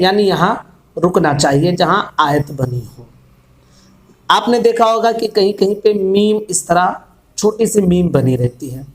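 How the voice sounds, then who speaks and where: A man teaching a patient religious lesson, explaining point by point and repeating key ideas with everyday examples. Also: high-pitched.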